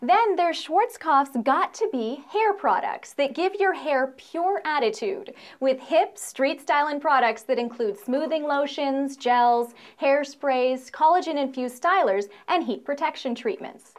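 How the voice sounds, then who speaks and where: A woman's voice: high voice, lively intonation, measured pace, few pauses. A young adult woman presenting a scripted promotional video in an upbeat, playful, salesy way.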